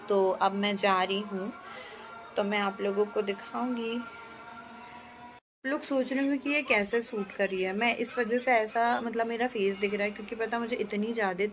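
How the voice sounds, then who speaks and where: A woman's voice: mid-range voice, fairly even intonation, moderate pace, low-quality recording. A young woman chatting casually to her vlog audience in a rambling, chatty way, mixing in English words. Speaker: vlogger. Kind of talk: casual family vlog chat.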